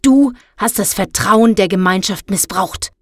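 A woman's voice: medium pitch, measured pace, no room sound, clean studio sound. A woman voicing a stern middle-aged house mother in a storybook reading, with a cold and harsh scolding manner. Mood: icy scolding.

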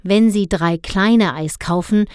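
A woman voicing a calm, polite male ice cream seller who speaks courteously. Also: mid-range voice, takes it slowly, clear, resonant tone, no echo, studio quality, close to an everyday voice. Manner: courteous, soothing.

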